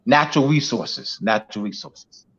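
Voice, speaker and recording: A man gives a teaching talk as a guest on an online show, his medium-pitched voice fairly bright and his pace normal. Emphatic and repetitive, he drops "you know" again and again, and the recording is dull lo-fi.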